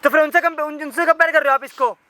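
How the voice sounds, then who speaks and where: A man's voice: extremely high pitch, quick pace, sharp tone, no echo. A man playing an indignant mediator in a staged skit, lecturing and reproaching a family. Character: indignant man scolding a modern bride. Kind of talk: improvised street skit acting.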